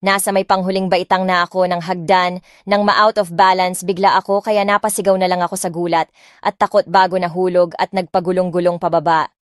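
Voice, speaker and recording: Over background music, a woman audiobook narrator brings a first-person romance to life, expressively mixing Tagalog with English phrases. She has a lowish voice and speaks briskly. The recording is studio quality with no room sound.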